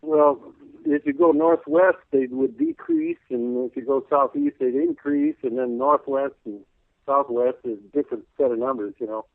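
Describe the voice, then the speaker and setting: A man's voice: mid-range voice, big pitch swings, moderate pace, dry recording. Rambling man on a tinny phone line. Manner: rambling, folksy, full of "you know". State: losing his voice, clearing his throat. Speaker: radio show guest. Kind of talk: casual call-in radio interview. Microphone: telephone.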